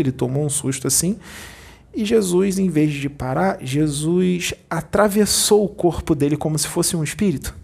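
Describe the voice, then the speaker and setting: A spiritual medium, a man, recounting a vision to his audience in an animated, repetitive storytelling manner. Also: a little high, creaky, slightly rough. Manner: animated storyteller, repeats himself.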